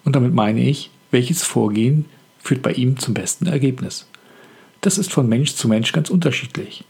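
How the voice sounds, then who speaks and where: With a deep, husky voice and rough gravel in it, this male author and podcast host talks through a scripted show on writing. His pace is measured, his manner calm and reflective, his pitch mid-range.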